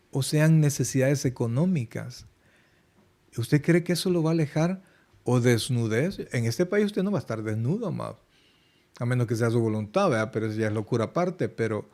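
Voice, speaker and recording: A man's voice: fairly high pitch, darkish tone. Fervent preacher man with a raised voice. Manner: fervent, emphatic preaching that addresses listeners directly; quotes worried congregants in a put-on plaintive voice. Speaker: pastor. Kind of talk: Bible study sermon. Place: church streaming an online service.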